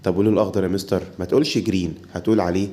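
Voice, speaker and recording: A man's voice: sits low, fairly even intonation, very fast, warm tone. A man with an Egyptian Arabic accent giving a short pronunciation lesson, correcting the listener and drilling sounds over and over. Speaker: English teacher.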